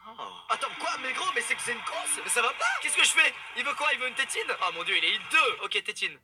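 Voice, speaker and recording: A man in his twenties hosting a let's play from a home kitchen, excitable and swearing, with frequent loud outbursts. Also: very high-pitched, quick pace, heavy background noise. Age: 20s. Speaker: gaming video host.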